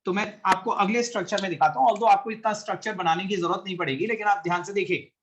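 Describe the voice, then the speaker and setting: A man's voice: high-pitched, steady tone, fast talker, a bit bright, a little hiss or hum. Male chemistry teacher, live class lecture; patient step-by-step explainer who keeps checking understanding, drops English terms into his talk. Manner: explains step by step, often checks if students follow; mixes English science terms into Hindi. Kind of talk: classroom lecture with online students.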